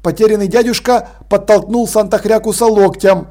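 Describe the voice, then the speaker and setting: A man narrating an audiobook in an expressive, lively storytelling manner. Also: high voice, moderate pace. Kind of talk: audiobook reading.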